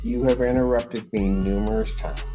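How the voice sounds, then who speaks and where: A man's voice: on the low side, fairly even intonation, normal speed, dark tone, faint music behind. A man presiding as judge in a courtroom recording, firm and repeatedly cutting in to clarify. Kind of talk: presiding over a court hearing.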